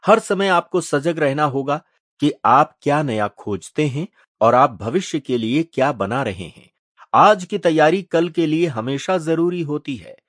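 A man narrating an audiobook story in a measured, expressive storytelling manner. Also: fairly high pitch, no room sound, clean studio sound.

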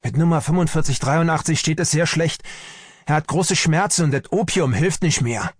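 A man's voice: a little high, moderate pace, breathy edge, no echo, clean studio sound, voice pushed up. A man doing an agitated, urgent army medic. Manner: excited, urgent. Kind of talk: audiobook character voice.

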